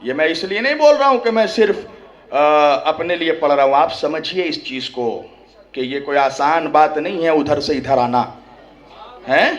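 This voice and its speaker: A man giving an impassioned religious speech at a mourning gathering, speaking straight to his listeners, firing rhetorical questions with a repeated "hain?" and rising to shouts at the peaks. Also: a little high. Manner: rises to shouting at climaxes; speaks directly to the audience.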